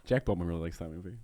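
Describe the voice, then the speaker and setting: A man's voice: medium pitch, darkish tone, no room sound. A man co-hosting a casual podcast, joking around while reading out reviews as quiz questions. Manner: joking, playful, reads aloud with silly voices.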